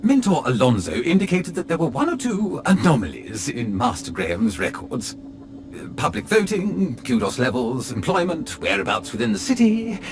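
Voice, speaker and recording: A man's voice: fairly high pitch, huge pitch swings, normal speed, vocal fry, full character voice. An actor voicing a fawning, formal male butler robot in a video game, always calling his master sir. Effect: polite butler robot voice. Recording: game music playing underneath.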